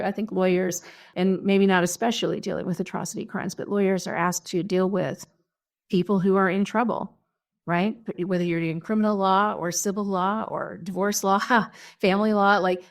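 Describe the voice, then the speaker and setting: A middle-aged woman, a human rights lawyer, answering interview questions in a thoughtful, frank way with wry humor. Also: medium pitch.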